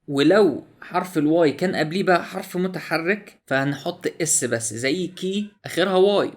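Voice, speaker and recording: Fast-talking Egyptian man, gravelly. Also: a little high. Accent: Egyptian Arabic. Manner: animated, exclaims in surprise often. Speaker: YouTuber reviewing a language app. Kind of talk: casual screen walkthrough.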